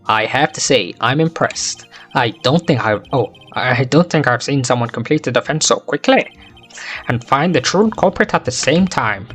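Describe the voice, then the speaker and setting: A man's voice: medium pitch, lively intonation, moderate pace, fairly bright tone, soft background music, natural voice. A man voicing an elderly male judge in a courtroom game, making formal, commanding pronouncements.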